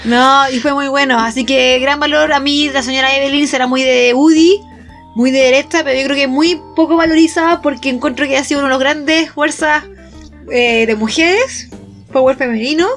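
High-voiced Chilean woman telling a story. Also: moderate pace, soft background music. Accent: Chilean Spanish. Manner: chatty, animated storyteller. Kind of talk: casual chat.

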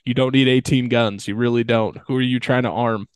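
A man's voice: medium pitch, fairly even intonation, a little fast, smooth, no echo. A young man co-hosting a podcast, ranting sarcastically in casual chat and quoting people mockingly. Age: young adult. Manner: sarcastic ranting with mock quotes. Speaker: podcast co-host.

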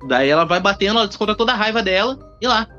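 High-voiced man chatting. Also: animated, sharp tone. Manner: chatty, halting storyteller. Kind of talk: casual podcast chat. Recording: dull recording with faint music.

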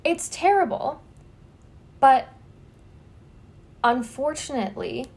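A woman's voice: high voice, animated, slow pace, creaky, a little mellow. A young adult woman hosting a podcast, talking through a true-crime case in a loose, conversational way with plenty of fillers. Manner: conversational storytelling, frequent "like" fillers. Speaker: podcast host. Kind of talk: casual true-crime chat.

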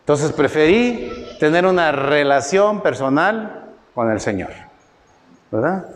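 Mexican male preacher, middle-aged, slightly high voice, folksy sermon with long hall echo. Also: animated, takes it slowly, a little hiss or hum. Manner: folksy storytelling, voices quotes with rising pitch, tag questions. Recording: roomy hall with faint ambience.

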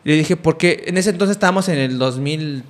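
A man's voice: on the high side, brisk. A young man with a Mexican Spanish accent, telling a story in casual chat, rambling with many fillers and restarts.

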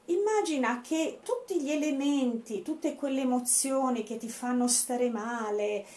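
A woman leading a guided breathing meditation as an instructor, speaking in a deliberate, instructive way with pauses. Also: sits high, a little mellow. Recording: echoey room, faint background noise.

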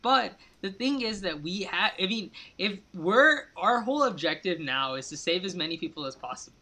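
A man co-hosting a casual politics podcast, debating with real passion. His voice sits high and sounds bright and forceful. He rambles, circling back with "like" and "I mean". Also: animated, normal speed. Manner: impassioned, rambling, many "like" and "I mean" fillers. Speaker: podcast co-host.

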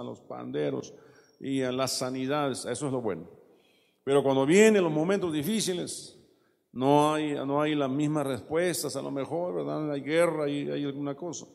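Gravelly-voiced preacher in a hall. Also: male voice, mid-range voice, darkish tone. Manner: conversational preaching with frequent rhetorical asides. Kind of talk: sermon.

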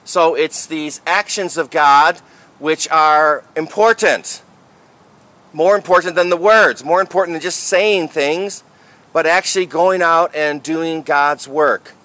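A man speaking as a priest in a liturgical reading and homily style, with measured, deliberate phrasing. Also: a little high, sharp tone. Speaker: priest reading the Gospel and preaching.

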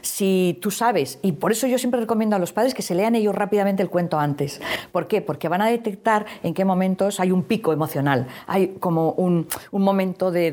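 Expressive woman author explaining, low voice. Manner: expressive, acts out story lines when giving examples. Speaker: children's author. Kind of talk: interview answers on reading aloud.

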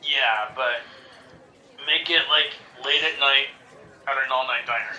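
A man voicing a grumpy, raspy, sleep-deprived man woken from sleep, giving curt, groggy replies. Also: mid-range voice, measured pace, sharp tone, roomy sound, distant mic, slight background noise, rough recording.

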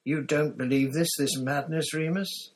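A man reading an audiobook, voicing a frightened, sweaty man who squeals shrill denials. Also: fairly even intonation, measured pace. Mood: pleading.

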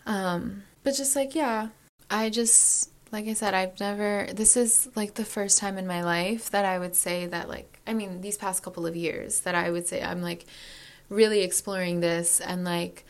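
A woman's voice: medium pitch, steady tone, normal speed. A young woman in her early twenties speaks in a casual confessional vlog. She rambles and restarts her sentences, and leans on fillers as she thinks aloud. Her tone stays candid and reflective. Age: early 20s. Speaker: vlogger.

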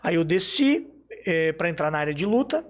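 A man from Brazil telling stories in casual chat, animated and acting out the dialogue he recounts. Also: fairly high pitch, normal speed. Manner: animated storyteller, acts out quoted dialogue. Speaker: podcast guest telling stories.

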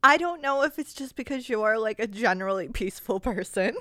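A woman's voice: a little high, animated, a little fast, a bit bright, dry recording. Chatty young woman, dry close sound. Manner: chatty, laughing, lots of "like". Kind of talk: casual chat.

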